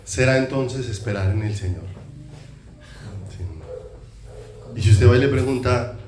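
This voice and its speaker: A man's voice: mid-range voice, unhurried. A man with a Colombian accent preaching a sermon in a church hall, talking in a conversational way and asking the congregation many questions. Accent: Colombian Spanish. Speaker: pastor. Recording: echoey hall, distant mic, noisy.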